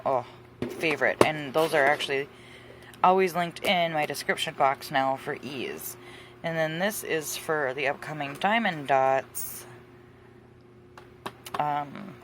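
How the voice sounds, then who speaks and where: A woman's voice: sits low, background noise. A middle-aged woman chatting casually about her crafts at home, rambling with plenty of fillers and asides. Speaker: craft vlogger. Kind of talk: casual chat. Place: hot home room with a fan running.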